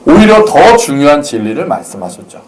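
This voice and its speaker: Male pastor, chatty sermon delivery, raised pitch with animated swings, acts out quotes. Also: fairly quick. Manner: storytelling, acts out quotes, lightly humorous. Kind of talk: conversational sermon.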